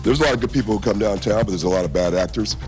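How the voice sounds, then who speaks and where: A man's voice: on the low side, very fast, music in the background. A man answering interview questions as a police chief, unscripted.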